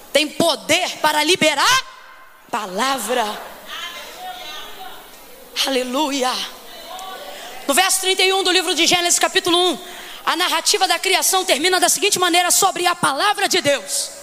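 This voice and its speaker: A woman preacher from Rio de Janeiro, giving an emphatic sermon that keeps questioning the congregation and rises to shouts. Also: very high voice, normal speed, pauses often, slight background noise. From Rio de Janeiro, Brazil. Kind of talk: Pentecostal sermon.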